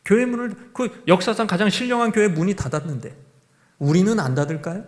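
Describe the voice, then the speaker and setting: High-voiced Korean pastor preaching. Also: male voice, fast. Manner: conversational preaching with rhetorical questions. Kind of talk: sermon.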